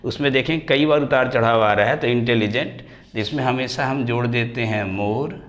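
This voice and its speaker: A man teaching English grammar, his voice at an ordinary middle pitch for a man. He drags out example words slowly, syllable by syllable, and calls his students dear children. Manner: slows right down and stretches example words to spell them out. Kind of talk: classroom grammar lesson.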